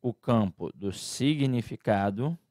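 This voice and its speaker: A man's voice: mid-range voice, lively intonation, slow pace, a little mellow, no room sound, clean studio sound. Chatty man teaching grammar. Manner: casual, chatty teaching with slang and diminutives. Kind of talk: online exam-prep lecture.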